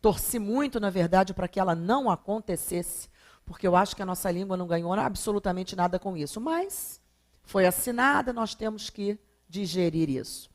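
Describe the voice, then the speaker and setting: Brazilian female teacher, emphatic, drawn-out stressed words, rhetorical questions, mid pitch. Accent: Brazilian Portuguese. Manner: emphatic, drawn-out syllables when stressing examples; rhetorical questions answered herself. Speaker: Portuguese grammar teacher. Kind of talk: recorded video lesson.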